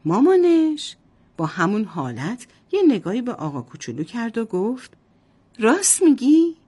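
A woman's voice: mid-range voice, sing-song, warm tone, husky. A woman storyteller narrating a bedtime story to children in a sing-song voice, often addressing them directly.

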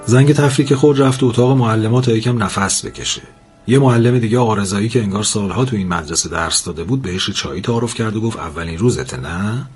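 Man, storyteller, humorous narration, very husky voice. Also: fairly low pitch, faint music behind. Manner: lively, humorous.

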